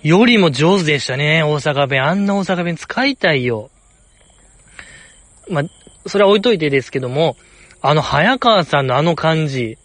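A man's voice: a little high, lively intonation, moderate pace, fairly bright tone, dry recording. A young man with an Osaka accent, chatting casually and rambling on his own, playfully earnest. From Osaka, Japan. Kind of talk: casual solo chat.

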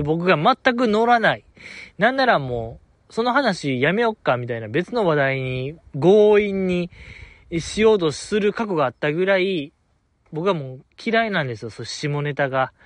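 High-voiced Osaka man, animated storyteller. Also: dry recording. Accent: Kansai (Osaka). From Osaka, Japan. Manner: animated, self-deprecating storytelling. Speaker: podcast host. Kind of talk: casual solo podcast talk.

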